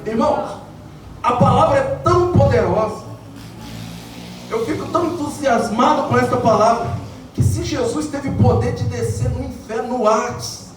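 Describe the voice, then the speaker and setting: A Brazilian man preaching an evangelical sermon, building to shouted, sung climaxes. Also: very high-pitched, distant mic. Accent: Brazilian Portuguese. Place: church. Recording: echoey church hall heard from afar, music behind.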